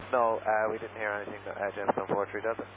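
A man working as a pilot, speaking in steady, matter-of-fact radio phraseology over a radio channel. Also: lowish voice, fast talker. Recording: tinny radio with loud static.

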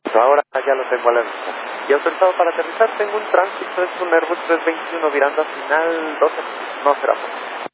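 A man, an air traffic controller giving formal clearances over a crackly two-way radio. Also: a little high. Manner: formal clearances, measured readback. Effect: crackly two-way radio transmission. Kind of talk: radio exchange with pilots. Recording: noisy narrow-band radio.

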